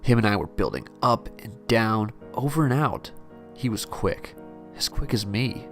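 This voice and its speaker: A man narrating a parody horror story in a deadpan first-person telling. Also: on the low side, unhurried, soft background music.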